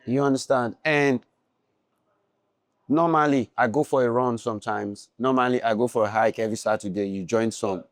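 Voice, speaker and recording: A man's voice: mid-range voice, steady tone, moderate pace, no echo. Emphatic man talking fitness, dry sound. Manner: emphatic, keeps asking "you understand?". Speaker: podcast guest. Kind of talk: casual podcast chat.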